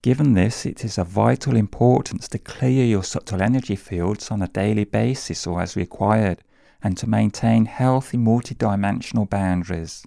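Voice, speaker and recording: Low, gravelly man guiding a meditation. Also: no room sound, studio quality. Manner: calm, measured, soothing delivery. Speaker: guided meditation narrator. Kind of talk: scripted guided meditation narration.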